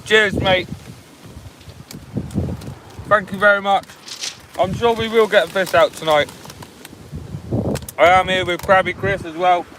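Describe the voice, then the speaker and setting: A man with a fairly high voice and a West Country English accent, chatting informally to live-stream viewers. His talk is slangy and casual. He is outdoors, with clear wind noise on the microphone. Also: steady tone, unhurried, pauses often. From England. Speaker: live-stream host, angler. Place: outdoors on a windy beach.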